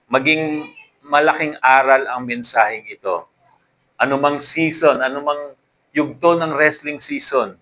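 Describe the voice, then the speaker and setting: A man's voice: medium pitch, bright, forceful tone, low-quality recording. A man with a Filipino accent preaching a sermon, switching between Tagalog and English and asking the congregation for responses. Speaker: pastor.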